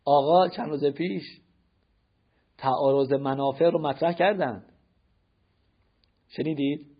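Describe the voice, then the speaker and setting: Guy preaching a religious lecture, kinda high and husky, lots of rhetorical questions, muffled lo-fi sound. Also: fairly even intonation. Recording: dull lo-fi lecture recording.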